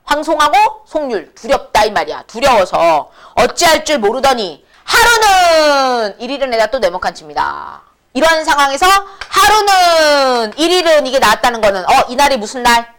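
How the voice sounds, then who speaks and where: A woman teaching classic Korean prose, asking quick questions and answering them herself in a casual, brisk lecturing manner. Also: a little high, fairly bright tone. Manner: brisk, colloquial, answers her own questions. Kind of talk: lecture with call-and-response questions.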